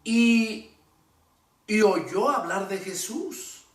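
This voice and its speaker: A male pastor preaching a sermon, reading scripture and explaining it with slow, emphatic repetition of key words. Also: high voice, lively intonation, distant mic. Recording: echoey room, voice from afar.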